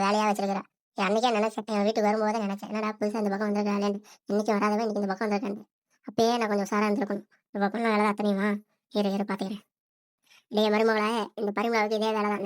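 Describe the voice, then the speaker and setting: Lady doing a cranky old cartoon mother-in-law, nags nonstop, rattles fast in a flat tone, dry close sound. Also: medium pitch, lightly acted. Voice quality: complaining, scolding tone. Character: old grumbling mother-in-law, nagging and suspicious. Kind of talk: cartoon voice acting.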